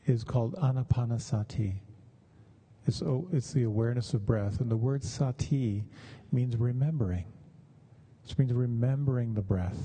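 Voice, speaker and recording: A breathy edge colors the warm, mid-range voice of a middle-aged or older man giving a conversational meditation talk. He weaves in personal stories, speaking in a measured, halting manner with frequent pauses.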